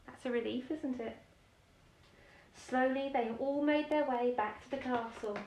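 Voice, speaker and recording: Unhurried and a little mellow, a high female voice reads a children's picture book as a bedtime story, expressive and chatty, explaining things and asking young listeners questions. A bit of hiss or hum is present, along with room echo from a distant mic.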